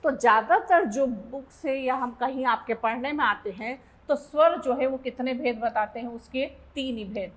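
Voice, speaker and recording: A woman teaching a Hindi grammar lesson, asking questions and answering them herself and repeating definitions slowly. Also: high voice, poor audio. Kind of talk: classroom lesson.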